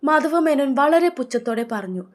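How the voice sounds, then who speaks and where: A woman narrating a dramatic family story with an even, measured reading. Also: sits high.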